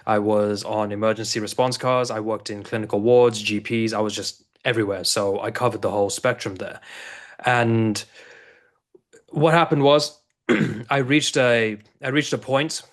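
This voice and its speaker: A man's voice: on the low side, fairly even intonation, moderate pace. A man in his thirties from South Africa, a coach and guest on an interview show, telling his story in a loose, rambling way with many restarts. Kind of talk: casual interview talk.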